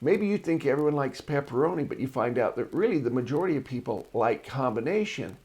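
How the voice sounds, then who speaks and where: A man's voice: mid-range voice, animated, fast, darkish tone, husky. Chatty man hosting a marketing show. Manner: chatty and digressive, tells personal stories. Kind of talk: casual solo talk reviewing articles.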